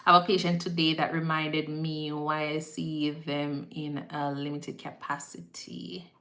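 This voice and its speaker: Jamaican woman, nurse-host type, low-pitched but bright and forceful delivery, chatty with bits of patois. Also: flat delivery, unhurried. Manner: chatty, repeats herself, slips into patois phrasing. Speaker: nurse hosting a live Q&A. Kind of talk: casual live-stream chat answering viewer comments. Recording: echoey room.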